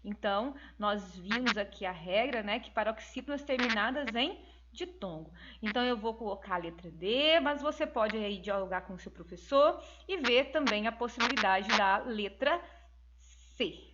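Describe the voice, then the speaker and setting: Brazilian woman teacher, higher voice, lo-fi. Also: expressive, normal speed, background noise. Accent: Brazilian Portuguese. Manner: explanatory, checks in with rhetorical tag questions. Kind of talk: recorded lesson correcting exercises.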